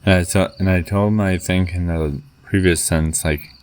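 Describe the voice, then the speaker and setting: A man telling a personal story in a halting way, with many fillers and restarts, reading out old chat messages. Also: low voice, steady tone, clear, resonant tone.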